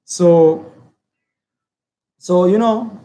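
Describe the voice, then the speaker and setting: A man from Africa with a high, mellow voice speaks extremely slowly in a casual opinion vlog, reading viewer comments as a YouTuber. He is earnest and repetitive, using many filler words.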